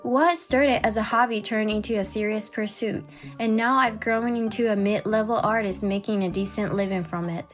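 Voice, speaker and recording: A woman voices a forty-year-old housewife and crafts artist in a dramatized first-person story, expressive and exasperated but caring. Her medium-pitched voice is lightly acted, measured in narration and indignant in dialogue, with background music beneath.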